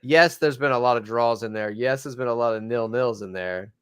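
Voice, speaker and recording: A man's voice: medium pitch, a little fast, a bit bright, clean tone, dry recording, clean studio sound. A man co-hosting a soccer fan talk show, talking casually and earnestly, defending his team with many restarts. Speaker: podcast co-host.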